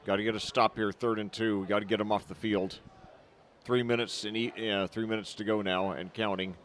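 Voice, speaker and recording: A man's voice: on the low side, little pitch movement, a little fast, fairly bright tone, a little hiss or hum. Partisan man doing color commentary. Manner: partisan, loose with fillers, recaps the score. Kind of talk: high school football radio commentary.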